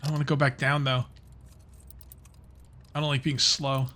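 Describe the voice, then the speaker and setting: A man records a let's-play as a gaming YouTuber, rambling and chatting with his audience mid-game. His delivery is flat and sharp-toned, mid-range in pitch, at a moderate speed.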